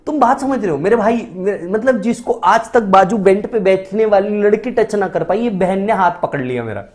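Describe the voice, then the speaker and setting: A man's voice: high voice, normal speed. Chatty man telling a funny story. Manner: chatty, with frequent rhetorical asides to listeners; self-mocking, animated delivery. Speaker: motivational speaker. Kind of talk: humorous storytelling talk.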